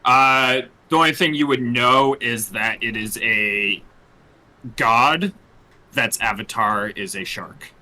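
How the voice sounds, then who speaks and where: A man narrating a tabletop game as its dungeon master, his voice bright and forward. He describes scenes in a loose, relaxed way and laughs at his own asides. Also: medium pitch, slow pace, rough recording.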